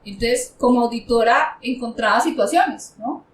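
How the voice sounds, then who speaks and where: Lively woman in an echoey room. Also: fairly high pitch, moderate pace, far from the mic. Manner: animated, laughing, acts out quoted people. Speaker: accountant and auditor. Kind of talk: casual panel chat. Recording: echoey room, off mic, faint noise.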